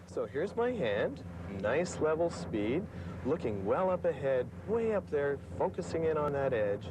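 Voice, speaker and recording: A man coaching a student driver in a moving car, talking slowly and calmly, heard from a worn tape copy of an old TV segment. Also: on the high side. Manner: slow, calm coaching. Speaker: driving instructor. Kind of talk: in-car instruction. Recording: distant, hissy worn tape with wind noise.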